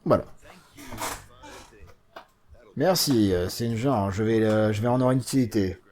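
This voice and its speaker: A man giving casual, chatty commentary while playing a video game as host of a let's play, mocking it with frequent hesitations and lively swings in pitch and loudness. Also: a little fast, a little hiss or hum.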